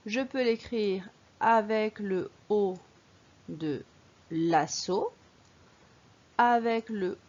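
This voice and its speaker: A woman's voice: medium pitch, a little mellow, slightly rough. A woman, teaching early reading to young children and patiently sounding out syllables. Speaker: primary school teacher. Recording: dull lo-fi recording.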